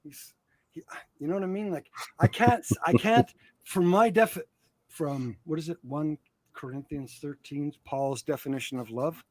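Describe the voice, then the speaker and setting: A man speaking earnestly and reflectively about faith in casual conversation, often trailing off quietly. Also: fairly high pitch, normal speed. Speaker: channel host. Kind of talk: casual chat.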